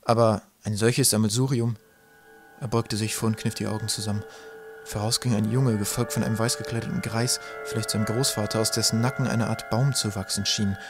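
A man reading an audiobook aloud in a measured storytelling manner. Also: fairly low pitch, little pitch movement, over music. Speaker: audiobook narrator. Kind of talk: scripted narration.

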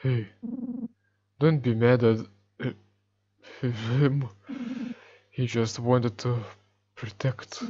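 A man's voice: medium pitch, fairly even intonation, extremely slow, long pauses, dark tone, no room sound, muffled recording. A man voicing a timid male wanderer who stammers and hesitates.

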